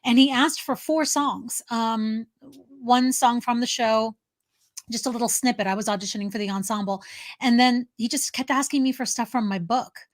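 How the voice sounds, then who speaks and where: A talk show co-host chats casually, telling personal stories in an emphatic way. Her voice is a little high, with a steady tone and normal speed.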